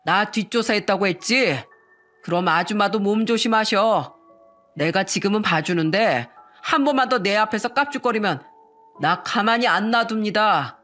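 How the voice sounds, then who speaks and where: A woman's voice: mid-range voice, animated, normal speed, a bit bright, faint music behind, close to an everyday voice. A woman reading the lines of a young male con-man fiancé, mocking and threatening in a synthetic-sounding voice. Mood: sneering.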